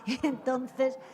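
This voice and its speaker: A woman's voice: sits high, a little mellow, slight background noise. An older woman recalls old times for an interviewer in a meandering, chatty way. She digresses often and drifts off topic. She acts out snatches of other people's dialogue and laughs easily as she talks. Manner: rambling, digressive storytelling with frequent laughs. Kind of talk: reminiscing anecdotes in an interview.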